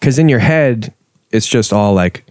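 Young male podcast co-host, low voice, dry close mic, relaxed rambling talk. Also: a little slow, dry recording. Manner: laid-back, rambling, swears casually. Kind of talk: casual podcast chat.

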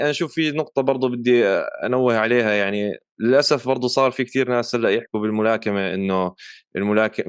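Fast-talking Levantine man with a clear voice. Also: mid-range voice, no room sound, studio quality. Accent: Levantine Arabic. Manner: conversational Arabic mixed with English terms. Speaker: boxing podcast co-host. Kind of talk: casual chat, explaining.

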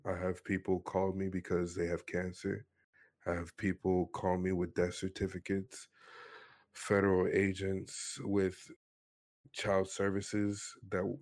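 A man's voice: low-pitched, a little mellow. A man in his twenties from Miami tells his personal story in an earnest, matter-of-fact way during a casual interview. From Miami, Florida, USA. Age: 20s.

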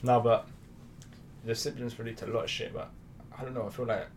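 A young man with a London accent and urban roadman slang chats casually with friends, with background noise in the recording. His voice is medium-pitched, fairly even in intonation, and a little fast.

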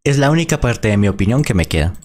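Casting: male reactor, blunt and cursing, lowish voice. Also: very animated, fast, darkish tone, slight background noise. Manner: indignant, blunt, swears freely. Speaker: small content creator reacting to a freestyle battle. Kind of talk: casual reaction commentary.

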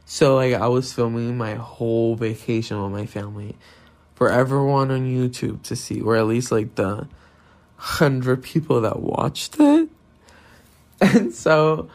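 A man's voice: medium pitch, slow pace, a little mellow. A nineteen-year-old man from Brazil talks through his worries in a solo podcast. He rambles, restarts and swears freely, packing his speech with fillers. It is recorded on his phone. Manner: anxious, rambling, swears a lot, many fillers. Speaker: podcast host.

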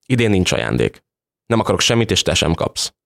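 A man voicing a curt, defiant middle-aged woman in a read-aloud story, staying close to his own low voice. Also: very animated, creaky, fairly bright tone, full character voice.

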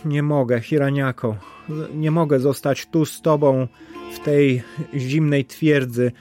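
A man's voice: medium pitch, steady tone, measured pace, warm tone, soft background music, pitched above the performer's own voice, lightly acted. A man doing a weary old crow. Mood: heavy-hearted. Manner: earnest, heavy-hearted. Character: weary loyal male crow. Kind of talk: storybook reading.

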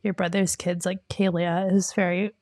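A young woman co-hosting a casual chat with her cousin, relaxed and agreeable, laughing often. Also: on the low side, moderate pace. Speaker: podcast co-host.

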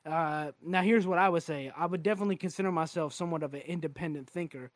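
A man's voice: a little high, fast talker, no echo, studio quality. A man in his twenties hosting a podcast, frank and casual, swearing freely. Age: 20s. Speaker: podcast host.

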